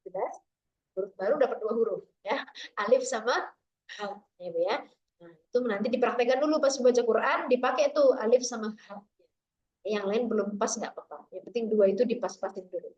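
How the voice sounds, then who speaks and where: A woman teaching Quran recitation, slowly drawing out the letter sounds in drills. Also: fairly high pitch, darkish tone. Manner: slow, drawn-out demonstrations of letter sounds. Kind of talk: tajwid lesson with drills. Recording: echoey, dull lo-fi room recording.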